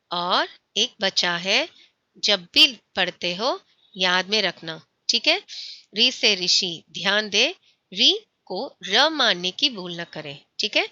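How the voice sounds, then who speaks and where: A woman teaching a school Hindi lesson, saying words slowly, repeating them and often checking that her students follow. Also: mid-range voice, pushed and bright, no echo.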